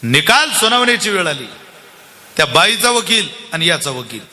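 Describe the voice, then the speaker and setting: A man's voice: sits high, normal speed. A man preaching a devotional kirtan sermon, telling a story and quizzing his audience. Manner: animated storyteller, acts out characters and questions the audience.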